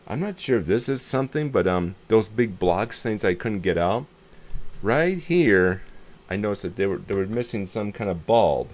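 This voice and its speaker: A hobbyist with a deep, darkish voice presents a radio repair video, giving an unscripted, hands-on show-and-tell while muttering to himself and thinking aloud as he works. It's recorded on a camera microphone, with clear background noise and ambience.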